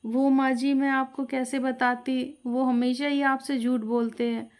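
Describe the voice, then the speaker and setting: A woman's voice: high-pitched, level tone, measured pace. A woman voicing a meek, sad young wife who explains herself timidly. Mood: pleading. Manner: timid, pleading.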